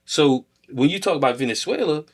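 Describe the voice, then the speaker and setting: A man co-hosting a podcast, talking in a relaxed, explanatory way. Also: a little high, brisk. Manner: relaxed, explanatory, builds points step by step. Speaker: podcast co-host. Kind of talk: casual conversation.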